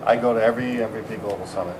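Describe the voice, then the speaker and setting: A middle-aged American man from San Diego, a software engineer, races through a casual conference interview in a fairly low, steady, slightly mellow voice, rambling with frequent fillers and restarts. The audio is poor, with a little hiss or hum, amid a busy venue.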